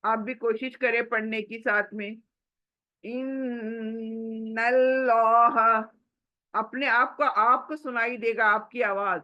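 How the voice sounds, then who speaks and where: A woman teaching Quran recitation, patiently explaining and repeating each word slowly so learners can follow along. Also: on the high side, bright, forceful tone, highs cut off. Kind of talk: spoken lesson with slow recited examples.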